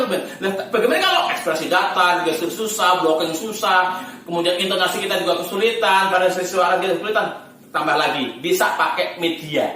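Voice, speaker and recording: A man teaching storytelling technique in a lively, chatty way, laughing often and letting his pitch swing widely. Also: a little hiss or hum. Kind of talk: tutorial lesson on storytelling. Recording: echoey room from far off.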